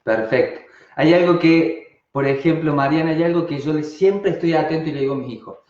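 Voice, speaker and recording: A man with an Argentine Spanish accent teaching an online class, animated and constantly asking rhetorical questions and then answering them. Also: fairly high pitch, a little fast. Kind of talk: live online class talk. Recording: dull, roomy sound.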